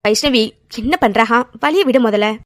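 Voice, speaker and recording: A woman voicing a calm young woman in a cartoon serial, patiently coaxing and often ending with a questioning "ha?". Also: a little high, moderate pace, dry recording, studio quality, close to an everyday voice.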